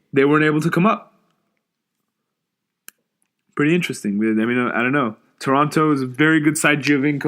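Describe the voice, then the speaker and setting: A young man co-hosting a podcast, discussing games in an easygoing way and chiming in with quick agreements. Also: mid-range voice, a bit bright. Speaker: podcast co-host. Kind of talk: casual sports chat.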